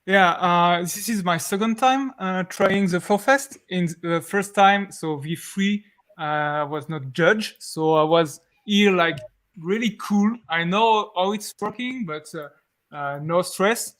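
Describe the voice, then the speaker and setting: A man who has just won an online contest, speaking haltingly and happily with fillers. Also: high-pitched, fairly bright tone. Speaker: contest winner. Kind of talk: casual chat.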